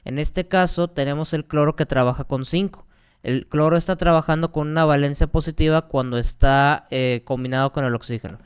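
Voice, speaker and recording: A man's voice: on the high side, brisk, clean tone. A man, a chemistry teacher patiently explaining exercises step by step and asking rhetorical questions. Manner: patient, repeats key points, asks rhetorical questions.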